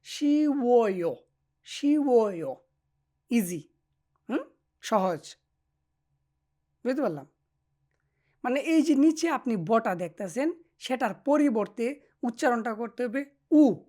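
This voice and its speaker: Slow, patient woman teacher. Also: a little high, expressive, mellow. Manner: patient, repeats each form slowly and checks understanding often. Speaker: language teacher. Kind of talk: classroom grammar lesson.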